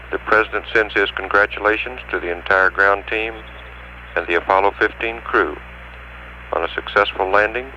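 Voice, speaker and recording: A man's voice: low-pitched, sharp tone, a little hiss or hum. A man acting as mission control communicator, reading numbers in clipped radio procedure talk over a space radio link with beeps. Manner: reads numbers in short, measured groups. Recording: muffled archival radio transmission.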